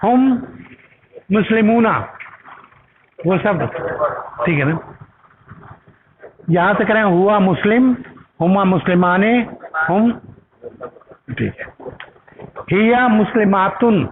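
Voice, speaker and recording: Man teaching arabic, slow and patient, tinny phone-like sound, loud noise behind. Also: high-pitched. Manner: patient, repeats each word with its meaning; asks learners to repeat aloud. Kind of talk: classroom grammar lesson.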